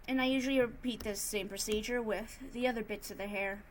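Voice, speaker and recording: A woman narrating an improvised tutorial in a casual, subdued and somewhat monotone way. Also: a little high, brisk. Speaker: tutorial host, digital artist.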